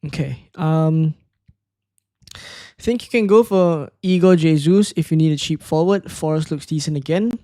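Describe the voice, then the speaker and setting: A man's voice: on the high side, a little slow, mellow, dry recording, clean studio sound. A man from Singapore, casually talking through his picks and answering chat questions on a live stream, thinking aloud with fillers and restarts. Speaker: fantasy football streamer.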